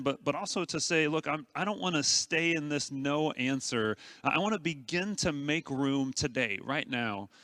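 Earnest preaching man, bright and dry. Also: medium pitch, dry recording. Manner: earnest, conversational preaching with frequent stammered restarts. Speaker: pastor. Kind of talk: sermon.

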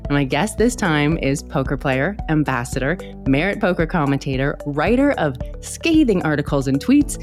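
A woman with a creaky, slightly hoarse voice, chatting casually and playfully as a podcast interviewer. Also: low-pitched, very animated, moderate pace, few pauses, soft background music. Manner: laughs easily, playful. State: hoarse from bronchitis. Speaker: podcast host.

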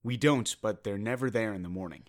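A man's voice: lowish voice, a little fast, lightly acted. An actor playing a caller, a young movie theater worker, telling his story plainly and a bit hesitantly. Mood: earnest. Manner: plain, matter-of-fact, hesitant.

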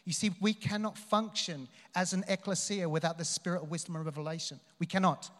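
A man with a fairly high voice delivers a charismatic sermon as motivational speech. He exhorts the congregation emphatically, repeating phrases for weight. Long hall reverb trails his words. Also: steady tone, a little fast, fairly bright tone. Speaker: preacher. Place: large reverberant room, speaking live to a congregation.

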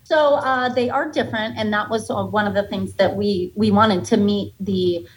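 An American woman in her thirties, a stand-up comedian from Massachusetts and Florida, guests on a podcast interview. She talks casually and candidly, chatty and playfully joking. Her medium-pitched voice is steady at normal speed, on a low-quality recording.

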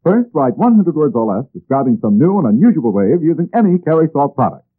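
A man in the style of an old radio announcer, reading a scripted sales pitch and addressing listeners directly like a salesman. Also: big pitch swings, fast. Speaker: announcer reading sponsor ads. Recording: tinny, band-limited old radio recording.

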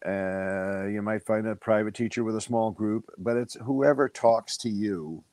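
A man's voice: on the low side, a little slow, a little mellow, dry recording. An older man, an actor guest, telling rambling anecdotes in a casual interview.

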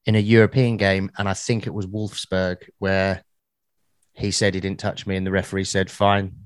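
A man's voice: deep voice, flat delivery, moderate pace, smooth, no room sound. A man co-hosting a podcast, telling stories in a blunt, laid-back way. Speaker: podcast co-host. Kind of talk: casual podcast chat.

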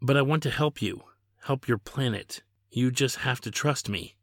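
A man's voice: medium pitch, normal speed, a bit bright, no echo, studio quality. A man voicing a flustered young prince who keeps pleading for a chance.

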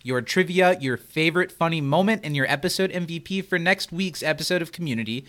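A man's voice: a little high, quick pace, a bit bright. A man co-hosting a podcast in a casual, chatty style. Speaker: podcast co-host. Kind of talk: casual chat.

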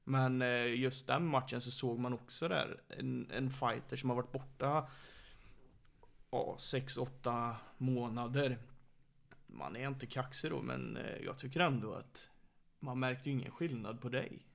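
A man's voice: mid-range voice, vocal fry. A man who coaches MMA fighters, chatting casually on a podcast and telling stories by acting out what others said. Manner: animated storyteller, quoting others.

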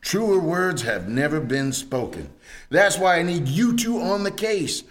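A man's voice: fairly high pitch, big pitch swings, measured pace, a little hiss or hum. A man voicing a demanding, curt and authoritative krill police chief in a comedic radio play. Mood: commanding.

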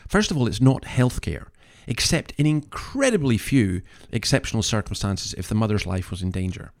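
A man's voice: on the low side, expressive, moderate pace. A man hosting an opinionated commentary, speaking in an earnest, emphatic, moralising way with rhetorical questions. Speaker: commentary podcast host.

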